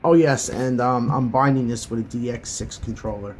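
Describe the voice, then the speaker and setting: A man's voice: mid-range voice, moderate pace, darkish tone, slight background noise. Rambling man giving a casual gadget review. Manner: rambling, many fillers and restarts; earnest and chatty. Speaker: hobby reviewer.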